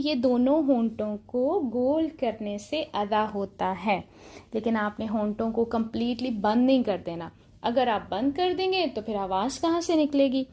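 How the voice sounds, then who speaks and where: A woman's voice: a little high, a little mellow. A woman teaching an online Quran recitation lesson, explaining patiently and repeating key points.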